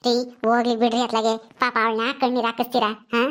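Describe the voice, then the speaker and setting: A woman voicing a kind, motherly village sister-in-law who soothes softly. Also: on the high side, completely flat delivery, quick pace, pitched below the performer's own voice, close to an everyday voice. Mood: soothing. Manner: soft, soothing, coaxing.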